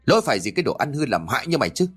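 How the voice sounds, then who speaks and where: A man voicing a harsh, nagging old grandmother who scolds rapidly, in an audio story. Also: medium pitch, big pitch swings, slightly rough, soft background music. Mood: scolding.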